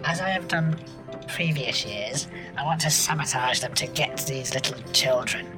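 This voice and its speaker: A sly, scheming little elf who delights in ruining children's toys, as a man puts him on. He speaks at an ordinary middle pitch, with a mischievous, plotting manner in a comedy podcast bit. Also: moderate pace, over music, lightly acted. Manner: sly and mischievous, relishes sabotage. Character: scheming naughty male North Pole elf.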